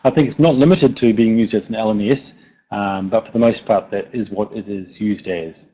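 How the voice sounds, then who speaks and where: A man's voice: fairly low pitch, normal speed, dark tone, breathy edge. A man with a broad New Zealand accent giving an informal technical presentation, often hesitating and repeating words. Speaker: presenter, software developer. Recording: dull lo-fi online audio.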